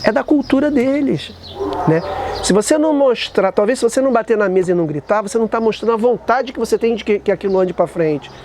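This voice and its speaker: A man reflecting aloud in a casual, animated way, with many restarts and tag questions. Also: sits high, quick pace, slight background noise. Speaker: vlogger sharing recovery reflections.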